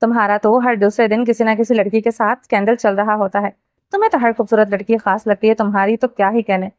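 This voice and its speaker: A woman's voice: mid-range voice, fairly even intonation, no room sound, close to an everyday voice. A woman voicing a middle-aged father who scolds and pleads with his stubborn son, read from a novel. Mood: scolding. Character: angry, fearful middle-aged father, helpless.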